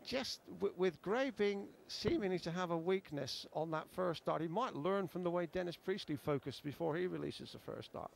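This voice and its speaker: A man's voice: high-pitched, expressive, moderate pace, creaky, few pauses. A man giving chatty, explanatory darts commentary as part of a broadcast.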